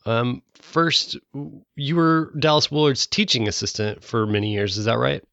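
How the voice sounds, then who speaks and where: A man's voice: mid-range voice, moderate pace, vocal fry, a bit bright, dry recording, muffled recording. A man hosting a podcast, reading an upbeat scripted intro, then interviewing a guest. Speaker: podcast host.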